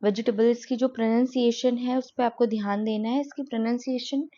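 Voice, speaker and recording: A woman teaching English on her channel, with a fairly high but mellow voice. She explains patiently and says each example sentence slowly. The recording sounds dull and lo-fi. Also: steady tone. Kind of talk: spoken English lesson.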